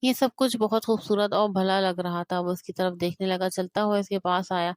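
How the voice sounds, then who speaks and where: Smooth-voiced woman narrating a romance novel. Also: mid-range voice, fairly even intonation, no echo, studio quality.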